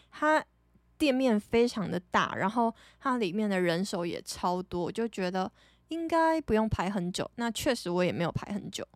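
A young woman from Taiwan with a Taiwanese Mandarin accent, hosting a podcast and telling stories casually, chatty and animated, laughing often. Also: mid-range voice, no room sound, studio quality. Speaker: podcast host. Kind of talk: casual storytelling monologue.

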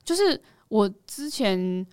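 一位台湾口音的年轻女性播客主持人，在闲聊中生动地讲述自己的故事，还会模仿家人的语气。. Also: female voice, mid-range voice, slow pace, smooth, no echo, studio quality. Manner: animated storytelling, acts out family quotes. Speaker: podcast co-host. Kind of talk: casual chat.

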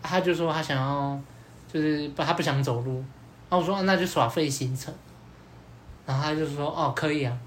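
A man's voice: fairly high pitch, a little fast, slight background noise. Chatty man telling a story. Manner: animated, acts out both sides of dialogue, many fillers. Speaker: podcast host. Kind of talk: casual storytelling chat.

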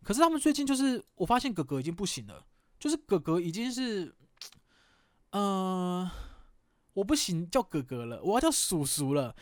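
Self-mocking man, fairly high voice. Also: sing-song, normal speed, no echo, studio quality. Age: 30s. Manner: candid, rambling, self-mocking with mild swearing. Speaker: podcast host. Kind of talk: casual chat.

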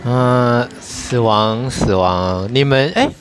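A man's voice: medium pitch, takes it slowly. A man, cracking dry teasing jokes in a casual chat. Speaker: podcast guest.

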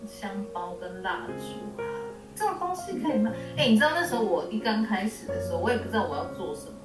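A woman's voice: mid-range voice, fast talker. Woman podcast host, blunt and joking, mic set back in an echoey room, music underneath. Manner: blunt, joking, animated storytelling. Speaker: spiritual teacher and podcast host. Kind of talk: casual chat. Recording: roomy echo, distant mic, music under.

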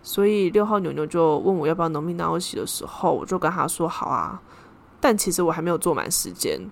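Chatty lower-voiced woman podcaster. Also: animated, brisk, gravelly. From Taiwan. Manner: chatty, sprinkles in Japanese terms. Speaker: podcast host. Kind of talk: casual solo storytelling.

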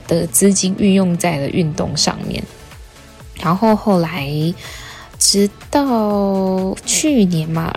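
A young Taiwanese woman with a slightly low voice talks casually as a host, wearing a dental retainer that makes her words a touch wet. She rambles, pauses and corrects herself as she goes. Music plays behind her. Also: a little mellow. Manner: rambling, halting, self-correcting with giggles. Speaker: podcast host. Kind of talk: casual chatty monologue.

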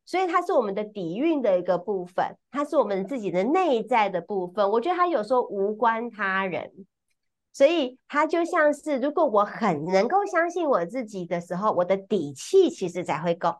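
A woman co-hosting a podcast, explaining ideas in an expressive, conversational way and often repeating words as she goes. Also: medium pitch, normal speed. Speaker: podcast co-host and teacher.

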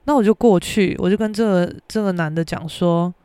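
A young woman with a Taiwanese Mandarin accent, hosting a podcast and telling a story in an animated, exasperated way. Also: lowish voice, fairly quick, smooth, no room sound. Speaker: podcast host. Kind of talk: casual storytelling.

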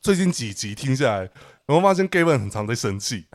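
Lively Taiwanese-accented man, teasing chat. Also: quick pace, no room sound, clean studio sound. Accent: Taiwanese Mandarin. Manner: animated, teasing, jumps into a high pitch when joking. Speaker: podcast co-host. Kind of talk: casual chat.

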